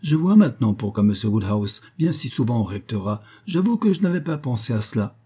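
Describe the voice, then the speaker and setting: A man voicing a lively, teasing, deaf old mother who speaks in raised, merry questions. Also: mid-range voice, brisk, breathy edge. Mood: delighted.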